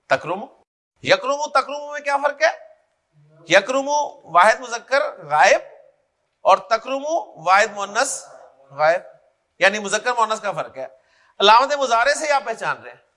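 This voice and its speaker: Guy teaching grammar, pakistani urdu accent, high bright voice, keeps asking "clear?". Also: big pitch swings, long pauses. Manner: drills forms aloud and keeps checking if students follow. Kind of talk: classroom lecture.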